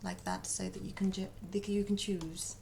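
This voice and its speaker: A woman talks her way through a drawing stream, muttering to herself between remarks to her chat. Her voice has a gravelly fry to it, sitting at an ordinary middle pitch, with a faint hiss behind her. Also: flat delivery, moderate pace, mellow.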